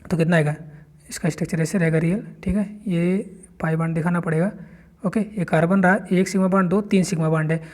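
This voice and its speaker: High-voiced man teaching chemistry. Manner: explains step by step, reads textbook lines slowly, repeats terms. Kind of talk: whiteboard chemistry lesson.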